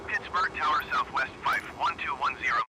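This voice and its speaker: A pilot calls the tower in a rapid radio readback for a flight game. The pitch swoops up and down a lot, and the words come fast and procedural. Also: male voice, wildly swooping pitch, background noise. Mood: flat. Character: male airline pilot on radio. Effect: radio transmission.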